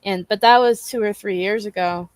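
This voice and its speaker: A young woman co-hosting a live online show, talking in a relaxed, halting way with many ums. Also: medium pitch, clear, resonant tone, no room sound. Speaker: co-host of a live advocacy show. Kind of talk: casual chat.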